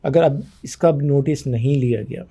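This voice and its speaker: A man giving an interview, arguing forcefully and acting out both sides of past conversations. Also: mid-range voice, husky. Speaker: guest.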